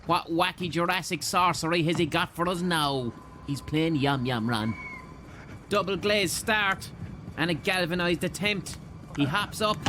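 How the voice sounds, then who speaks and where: A British man giving deadpan, jokey voice-over commentary on a comedy game show. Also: high-pitched. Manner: deadpan, absurd wisecracks. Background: loud music.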